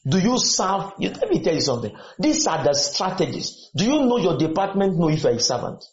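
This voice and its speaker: In a brisk, high-pitched voice with big swings in pitch, a man preaches to students, firing off questions, exhorting, and repeating himself as they respond. The audio is lo-fi and dull, and the room echoes.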